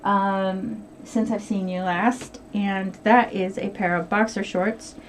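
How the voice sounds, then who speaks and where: A woman's voice: mid-range voice, steady tone, takes it slowly, far from the mic. An older woman talks through her finished crafts in a loose, chatty show-and-tell, often laughing at herself. She sits a little back from the mic, and faint noise hums underneath. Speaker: crafting vlogger. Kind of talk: casual show-and-tell chat.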